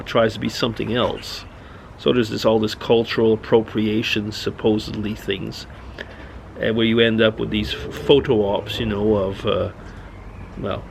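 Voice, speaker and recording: A man's voice: lowish voice, creaky, slight background noise. A middle-aged man from Switzerland rambling in a casual monologue, restarting often as he thinks aloud. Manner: rambling, musing, many restarts. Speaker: vlogger.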